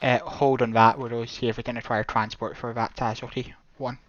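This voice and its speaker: A man's voice: mid-range voice, flat delivery, normal speed, fairly bright tone, highs cut off. A man in a military sim game giving clipped, matter-of-fact radio procedure calls over a walkie-talkie.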